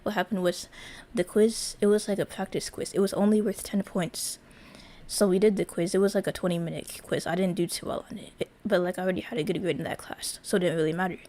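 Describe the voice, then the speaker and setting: A woman's voice: fairly low pitch, steady tone, quick pace, mellow. A young woman streaming live, telling a story to her chat in a rambling, casual way with lots of fillers and restarts. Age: young adult.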